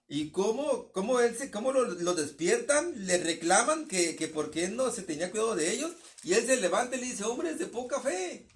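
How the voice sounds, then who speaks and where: A man's voice: high voice, far from the mic. A man with a northern Mexican accent preaching a sermon, often stumbling and repeating words as he goes. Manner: halting, many repeated words and restarts.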